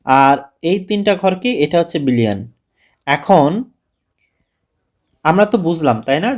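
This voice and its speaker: A man teaching a math lesson to schoolchildren in a relaxed, conversational way. He keeps posing questions and answering them himself, stopping often to check that his students are following. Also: on the high side. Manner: casual, repeats "ঠিক আছে?" to check understanding. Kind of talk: explaining a class six math lesson.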